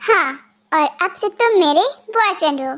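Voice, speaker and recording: Young woman, shy new wife and mother, voiced by a woman in an amateur fan dub; soft, earnest, very high. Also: lively intonation, moderate pace, heavy background noise. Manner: soft, earnest, a little worried.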